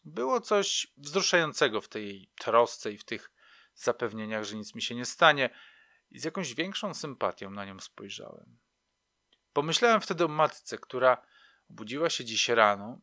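A man's voice: medium pitch, sharp tone, dry recording, clean studio sound. A man reading a novel aloud in a reflective, wry storytelling manner. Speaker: narrator. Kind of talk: audiobook narration.

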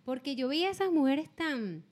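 High-voiced woman chatting. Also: expressive, a little mellow. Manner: chatty, quick to agree, trails off mid-sentence. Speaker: podcast co-host. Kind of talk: casual chat.

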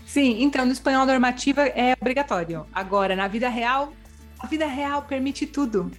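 A woman's voice: high voice, animated, normal speed, faint music behind. A woman explaining language points in casual chat, with frequent tag questions and worked examples. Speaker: Spanish language teacher.

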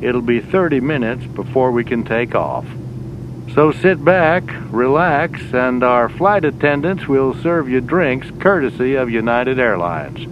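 Over a muffled intercom, an airline captain speaks to his passengers slowly and deliberately. Each announcement comes out carefully paced and steady. A loud engine rumble sits behind the dull, lo-fi sound. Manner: measured, deliberate delivery. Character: calm male airline captain making cabin announcements. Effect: over the aircraft intercom. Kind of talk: scripted in-flight announcements for a language lesson.

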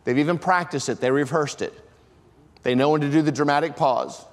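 A male pastor preaching a sermon in an emphatic style that swells into shouts for emphasis. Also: a little high, a little fast. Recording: long reverb of a large hall.

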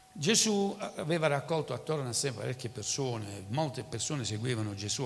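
A man's voice: medium pitch, gravelly, big-room sound, slight background noise. A man preaching a sermon, often asking the congregation rhetorical questions.

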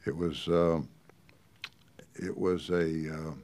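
Deep-voiced elderly veteran remembering. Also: male voice, flat delivery, darkish tone. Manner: old veteran remembering, halting. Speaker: war veteran. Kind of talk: documentary interview reminiscence.

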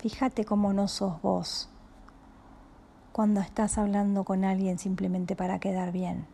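A woman with a Rioplatense Spanish accent giving a calm, reflective spiritual talk, speaking slowly and often dropping into a soft whisper. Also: mid-range voice, vocal fry, husky. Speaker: spiritual teacher.

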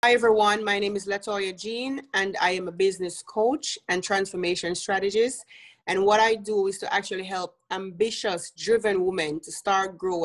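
A Jamaican woman with a Jamaican accent and a mid-range voice speaks as an interview guest. She's a business coach who talks earnestly, laughs easily, and uses lots of fillers.

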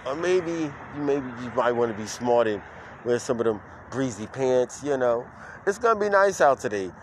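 A man hosting his own podcast outdoors, playing a loud, upbeat morning-radio host who stretches out words and laughs. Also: mid-range voice, animated, a little hiss or hum. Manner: hype-man energy, drawn-out shouted words, laughing. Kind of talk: playful mock morning-radio show. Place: outdoors in the street.

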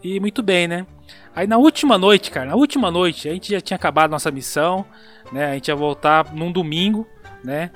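A young man with a São Paulo accent telling a story in a casual, slangy, animated way. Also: sits high, a little fast, faint music behind. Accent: São Paulo Portuguese. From São Paulo, Brazil. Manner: animated, slangy storyteller who acts out voices.

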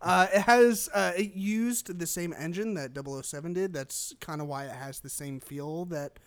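A man's voice: fairly high pitch, normal speed, clean tone. A young man co-hosting a podcast in casual chat, rambling and stammering with frequent laughs and casual swearing. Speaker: podcast co-host.

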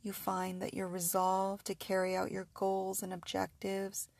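Female sleep-story style hypnosis narrator: unhurried, soothing, repetitive, close and dry-sounding. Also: mid-range voice, creaky, no echo. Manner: soothing, repetitive, suggestive phrasing.

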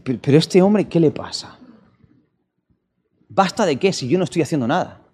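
A man voicing God as a puzzled, gentle divine figure asking what he has done wrong. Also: fairly high pitch, animated, moderate pace, breathy edge. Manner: bewildered, pleading questions. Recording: long church-hall reverb.

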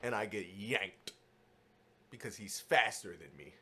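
A man's voice: lowish voice, expressive, a little slow, sharp tone, husky. A man hosting a casual gaming news chat, talking bluntly in slangy, profane bro speak. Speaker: podcast host.

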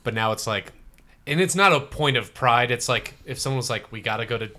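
Thoughtful male co-host, bright tone, measured and a touch hesitant. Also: mid-range voice, animated. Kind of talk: casual chat.

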